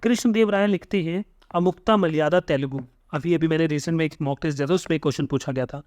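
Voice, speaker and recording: Young guy tutoring, high voice, dead dry sound, reads slow then rattles off the explaining bits. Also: a little mellow, no echo. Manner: reads English notes slowly, then explains quickly in Hindi; stumbles over hard names and apologizes. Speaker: exam-prep teacher. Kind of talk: lecture reading notes aloud, explaining in mixed Hindi and English.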